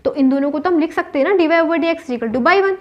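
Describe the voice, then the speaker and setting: Indian-accented woman teacher, high-pitched, walks through sums asking herself questions, muffled lo-fi recording. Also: a little fast. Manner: explains step by step, asks and answers her own questions. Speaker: maths teacher. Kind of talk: whiteboard maths lesson. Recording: dull lo-fi recording.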